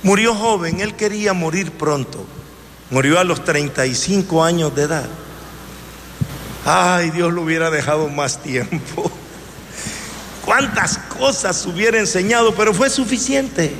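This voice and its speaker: A man in his seventies preaching a sermon in a slow, emphatic way, with rising exclamations. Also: high voice, a bit bright. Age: 70s. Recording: hall reverb with faint noise.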